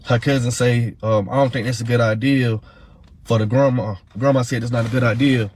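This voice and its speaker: A man's voice: medium pitch, steady tone, darkish tone, slight background noise. Heated man telling his story. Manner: fast, heated retelling full of fillers and repeats. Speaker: father of a missing woman's child. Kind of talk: casual storytelling.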